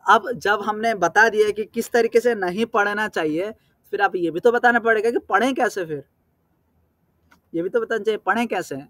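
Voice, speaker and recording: A man with a notably high voice teaches a class in a patient, explanatory way. He draws out verse terms slowly and deliberately, then stops to ask whether his students have followed. The recording is close and dry, with almost no room sound. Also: fairly bright tone, no echo. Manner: patient, checks understanding with questions. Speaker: Sanskrit teacher. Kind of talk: explanatory lesson.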